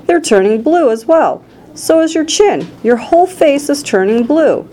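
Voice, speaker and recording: A woman voicing a panicking mother in a storybook, shrill and screeching with alarm. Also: big pitch swings, normal speed, warm tone, a little hiss or hum, close to an everyday voice. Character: shrieking, panicking mother of a girl.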